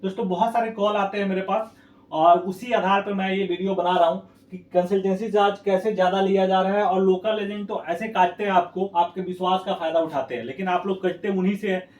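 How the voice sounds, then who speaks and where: A man's voice: high-pitched, a little mellow. A man working as an education consultant speaks to camera. He sounds blunt and scolding, warns viewers and keeps repeating a checking phrase. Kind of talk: warning talk to camera. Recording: echoey room, distant mic.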